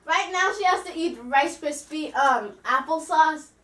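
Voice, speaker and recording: A woman's voice: sits high, measured pace, a bit bright, roomy sound, distant mic. A female player in a home food game, chatting, keeping score and restarting her sentences. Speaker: contestant in a food guessing game. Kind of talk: casual chat.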